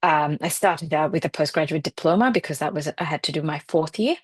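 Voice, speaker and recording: A woman in her forties from India, a psychologist, reflecting in an interview with thoughtful pauses. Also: low-pitched, slightly rough, no echo, clean studio sound. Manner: thoughtful, many fillers.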